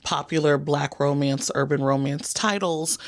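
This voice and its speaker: A woman's voice: sits low, measured pace, no echo, studio quality. A woman from New York chatting casually with viewers about the books on her reading list, playful and talkative. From New York, United States. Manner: chatty and playful, addresses viewers as y'all and baby. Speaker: booktuber. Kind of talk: casual chat reviewing books.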